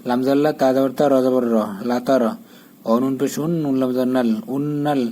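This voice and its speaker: A man teaching how to read a Quran chapter, spelling out the Arabic letter by letter and then intoning each verse slowly. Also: medium pitch, steady tone, warm tone, low-quality recording.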